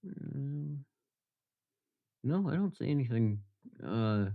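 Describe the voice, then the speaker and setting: Working at his bench on a livestream, this man chats slowly in a mid-range voice with lively intonation, joking and filling his speech with fillers. There's no room sound, and the stream audio is dull and slightly lo-fi.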